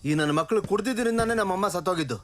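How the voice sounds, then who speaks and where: A man's voice: high-pitched, very fast, a bit bright, a little hiss or hum. A man playing a blunt, bossy son back home for his mother's funeral, speaking in dubbed film dialogue. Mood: angry. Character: brash grieving son, blunt and scolding.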